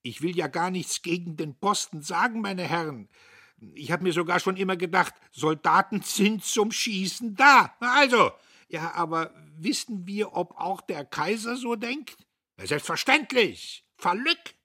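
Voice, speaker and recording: A man's voice: high-pitched, lively intonation, measured pace, sharp tone, no echo, clean studio sound, voice pushed up, full character voice. A man voicing a tipsy male newspaper editor who giggles and talks in a tumbling rush.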